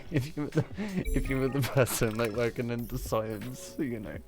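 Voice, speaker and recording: A man's voice: medium pitch, normal speed, darkish tone. A man casually commentating on his own gameplay, rambling, sweary and easily distracted. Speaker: streamer. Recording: game music playing underneath.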